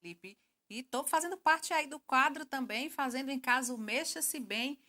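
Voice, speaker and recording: Woman TV host, crisp bright tone, upbeat, higher voice. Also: normal speed. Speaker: program host. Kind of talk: TV program hosting.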